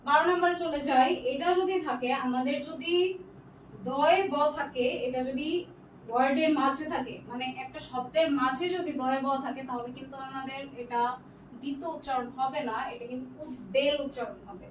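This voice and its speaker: A woman's voice: high-pitched, moderate pace. Young female online tutor, roomy echo, faint background hiss. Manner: patient, checks answers one by one, mixes in English words. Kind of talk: live online class reading student comments. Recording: echoey room, distant mic, faint noise.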